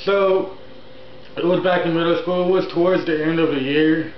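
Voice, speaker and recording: A man's voice: a little high, steady tone, moderate pace. A man in his early twenties telling a personal story in a casual, rambling vlog style, often repeating himself. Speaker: YouTuber, channel host. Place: indoor room at home, TV on. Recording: echoey room, dull sound, faint noise.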